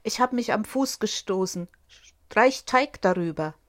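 A woman voicing a cunning, rough-voiced male wolf in a fairy tale. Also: expressive, a little slow, lightly acted. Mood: threatening. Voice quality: rough, low growl. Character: big bad male wolf, gruff and cunning.

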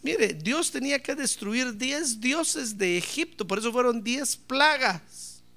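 A man's voice: very high-pitched, animated, slow, sharp tone. A man preaching a sermon as pastor, emphatic, calling on the congregation to answer back and slipping in joking asides.

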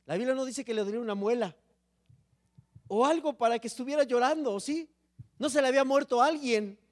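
A man preaching a sermon, swinging between loud emphatic phrases and low hushed words. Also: brisk.

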